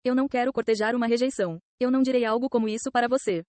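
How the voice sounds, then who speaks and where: A woman voicing a gentle, apologetic young woman. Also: fairly even intonation, rapid-fire, dry recording, close to an everyday voice. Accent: Brazilian Portuguese. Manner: soft, lowered voice.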